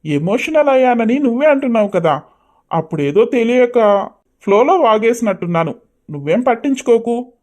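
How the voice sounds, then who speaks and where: A man voicing an easygoing young husband and son in a cartoon story, gently teasing. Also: very high-pitched, animated, normal speed.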